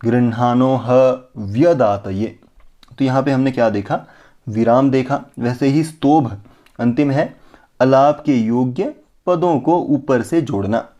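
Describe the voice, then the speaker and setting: A man teaching an exam-prep lesson, asking himself rhetorical questions and answering them, and slowly drawing out chanted syllables in his examples. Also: mid-range voice, mellow, dull audio. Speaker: Sanskrit teacher.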